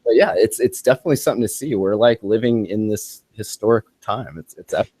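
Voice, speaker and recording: A man's voice: lowish voice, fairly quick, dark tone, breathy edge, no echo. A man hosting a podcast in a loose, rambling, laid-back casual chat. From Montana. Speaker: podcast host.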